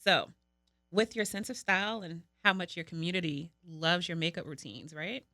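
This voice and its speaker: A woman's voice: on the low side, moderate pace, sharp tone, no echo, studio quality. A woman co-hosting a podcast who asks curious, friendly questions in a casual way. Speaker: podcast co-host. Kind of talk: casual interview chat.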